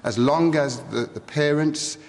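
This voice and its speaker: Man, forceful, argumentative, deep-ish voice, roomy studio. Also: unhurried, gravelly. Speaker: guest. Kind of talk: studio debate.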